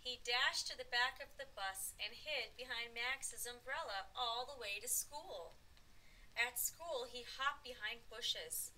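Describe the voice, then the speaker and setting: A woman who teaches preschool, reading a picture book aloud with animated, slow storytelling. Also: fairly high pitch, a little hiss or hum, rough recording.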